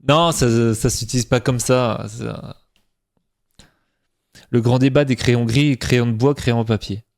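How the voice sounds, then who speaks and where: A man's voice: mid-range voice, fairly even intonation, a little slow, vocal fry, a little mellow. A young man from Franche-Comté with a faint Franc-Comtois French accent, chatting casually with his stream chat and mocking himself. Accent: slight Franc-Comtois French.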